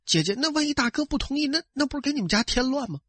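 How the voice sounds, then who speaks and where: A man's voice: very high voice, expressive, rapid-fire, fairly bright tone, no echo, pitched above the performer's own voice. A male storyteller voicing a poor young woman who stammers and hesitates, flustered and unsure.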